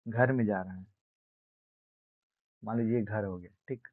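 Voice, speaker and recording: A man teaching an exam-prep science lesson, speaking slowly and repeating key words, asking questions and answering them himself. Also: on the low side, steady tone, dry recording. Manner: slow, repetitive, asks and answers own questions. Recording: dry, phone-like narrow sound.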